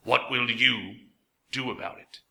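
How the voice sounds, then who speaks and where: A man voicing a small talking sweeper machine that speaks in a grinding, metallic voice with slow, grave warnings. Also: medium pitch, steady tone, vocal fry, pushed and bright, roomy sound, full character voice. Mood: solemn. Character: strange talking machine sweeper, solemn and ominous.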